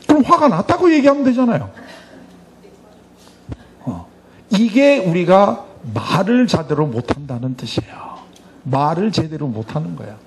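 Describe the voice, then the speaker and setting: A middle-aged man teaching an adult church class, acting out short family dialogues with humor. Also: high voice. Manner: animated, acts out dialogue with humor. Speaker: church Bible school teacher. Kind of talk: lively lecture to an adult class.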